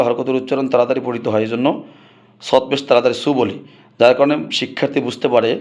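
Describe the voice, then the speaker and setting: A man's voice: mid-range voice, a little mellow. A male Quran reading teacher leading a rhythmic spelling drill and then explaining it to viewers. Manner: rhythmic, chanting recitation of letters.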